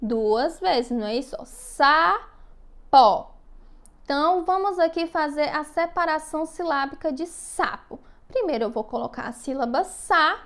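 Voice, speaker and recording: Casting: woman schoolteacher, high pitched, unhurried, patient, stretches syllables for small children. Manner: slow, patient, drawn-out syllables with frequent check-in questions. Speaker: teacher. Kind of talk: recorded classroom lesson for young children.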